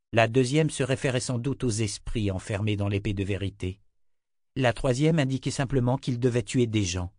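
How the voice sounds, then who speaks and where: Low-voiced man narrating an audiobook. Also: darkish tone, no echo, clean studio sound. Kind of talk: scripted narration.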